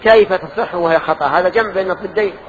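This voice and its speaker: An older man teaches a lesson in a mosque, asking his students questions and correcting their answers. His voice sits high for a man. The recording is dull and lo-fi, with a faint hiss underneath. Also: very fast. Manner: quizzing students, correcting them, explaining. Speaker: religious teacher.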